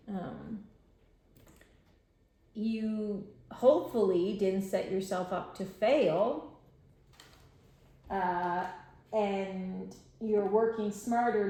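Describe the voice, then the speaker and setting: A woman talks loosely while doing a puzzle at home, rambling and tired, her speech full of fillers and restarts. Her voice sits at a middling pitch. The room gives it a noticeable echo. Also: darkish tone. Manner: rambling, chatty, self-interrupting with fillers; drops to mutters and whispers while working the puzzle. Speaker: puzzle channel host.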